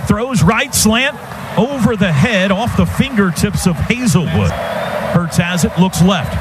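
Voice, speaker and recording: He's an American play-by-play man on stadium radio, describing a football game in staccato snippets with a high, sing-song voice that never hurries. Crowd and stadium noise fill the live broadcast.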